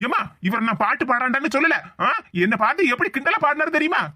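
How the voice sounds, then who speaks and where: A performer voicing a lovesick young cartoon son with a Tirunelveli Tamil accent. His voice is high and he talks quickly. He complains in a touchy, quick-tempered way. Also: animated, pushed and bright. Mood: sulky angry. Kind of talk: animated comedy sketch voice acting.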